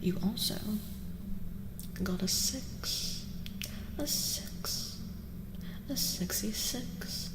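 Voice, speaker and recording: Whispering often, a breathy, soft-voiced woman at medium pitch streams a live tarot reading as ASMR. She's gentle and deliberate and tends to repeat her phrases. The audio has a roomy reverb with a faint layer of noise.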